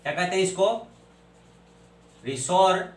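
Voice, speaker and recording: In a classroom lecture, a male chemistry teacher poses questions and answers them himself, spelling out names as he goes. His high-pitched, expressive voice moves at a moderate pace and comes from off-mic in an echoey room.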